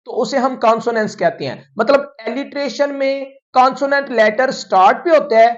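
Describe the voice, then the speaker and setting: A male English teacher going through a poem line by line, explaining each example in a steady, methodical way and slowing down for definitions. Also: very high voice, muffled recording. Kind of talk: line-by-line poem analysis lesson.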